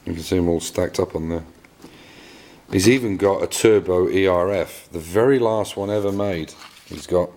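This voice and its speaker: This car restorer vlogger, a middle-aged Englishman with an English accent, chats informally about his car work in his garage workshop. His voice sits low and a little mellow at a normal speed, full of fillers and repeated words. Faint noise echoes around the garage.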